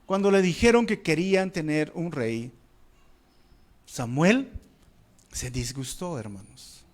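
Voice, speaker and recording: A man's voice: a little high, animated, slow pace. A man preaching an expository Bible study as pastor, calling the listeners brothers, asking rhetorical questions and dropping his voice on key words.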